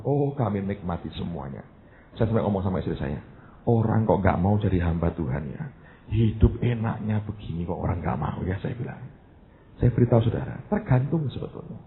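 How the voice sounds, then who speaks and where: A man in his forties preaching a sermon as a pastor, animated and conversational, dropping English phrases in, swinging between loud emphasis and soft asides. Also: on the low side. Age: 40s. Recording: tinny phone-like sound with faint noise.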